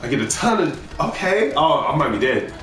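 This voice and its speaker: Excitable man yelping over gameplay. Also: on the high side, normal speed. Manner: excitable, yelps and trash talk. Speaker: gaming streamer. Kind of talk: casual gameplay banter. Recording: roomy, distant mic with game music. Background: fighting game music.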